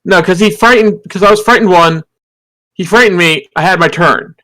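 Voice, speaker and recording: A man's voice: sits high, moderate pace, bright, forceful tone, low-quality recording. A man playing a tabletop game, eager and joking, who checks the rules as he goes. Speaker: player. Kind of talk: casual game chat.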